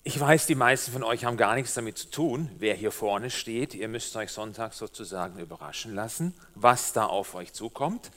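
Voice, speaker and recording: A middle-aged guest preacher with a Swabian German accent colored by years in Switzerland delivers a lively, humorous sermon straight to the congregation. His voice sits on the low side, at normal speed with hardly any pauses.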